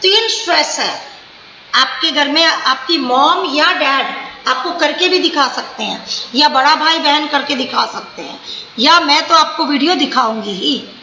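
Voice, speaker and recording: An Indian woman teaching an English lesson to young children, slowly drawing out each word and mixing Hindi with English. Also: high voice, pushed and bright, roomy sound, dull audio, slight background noise.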